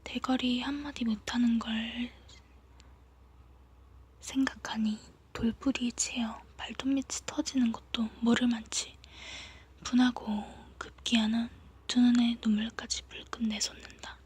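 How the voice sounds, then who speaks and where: A woman reading a story as ASMR in a soft, hushed, breathy whisper, as if leaning in close to whisper. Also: fairly high pitch, level tone, a little slow. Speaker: ASMR reader.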